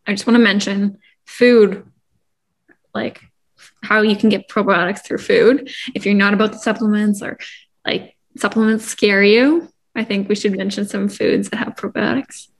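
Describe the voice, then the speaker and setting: A woman's voice: mid-range voice, steady tone, normal speed, gravelly. A young woman co-hosting a podcast in casual chat, talking in a chatty way with many "like" and "um" fillers. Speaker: podcast co-host.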